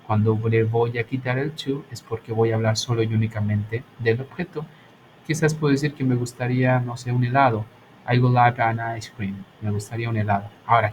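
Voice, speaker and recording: During an online class, a bilingual man teaches English grammar with patient explanations, switching between Spanish and English and often saying "¿ok?". His voice is mid-range, and the low-quality recording carries a slight hiss or hum.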